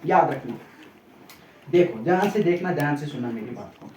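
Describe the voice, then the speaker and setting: A man teaches, repeating points and checking in with students through quick tag questions. He sounds off-mic in an echoey room, with faint noise underneath. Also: fairly high pitch, lively intonation, a little mellow, recorded from a distance. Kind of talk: classroom-style science lesson. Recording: roomy echo, off-mic, faint background noise.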